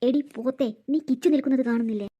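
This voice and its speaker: A woman's voice: high-pitched, very fast, muffled recording, loud music behind the voice, voice pushed down, close to an everyday voice. A woman voicing a scheming, harsh middle-aged mother in a cartoon, with a bossy, scolding manner. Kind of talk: cartoon voice acting.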